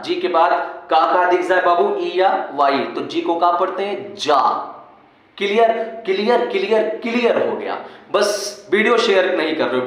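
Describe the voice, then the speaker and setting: A man teaching English pronunciation rules in a lesson, repeating each rule slowly and asking often whether the class understands. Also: high-pitched. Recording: very echoey room.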